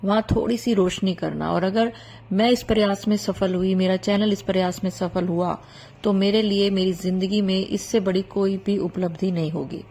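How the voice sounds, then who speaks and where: A woman's voice: medium pitch, steady tone, normal speed, mellow. A middle-aged woman hosting a devotional channel, talking earnestly and pleading with her followers.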